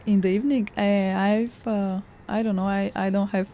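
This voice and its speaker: A woman with a Bulgarian accent speaking simple, halting learner's English in a practice dialogue. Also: medium pitch, steady tone, dark tone, a little hiss or hum. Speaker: English course student. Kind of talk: practice dialogue in a language class.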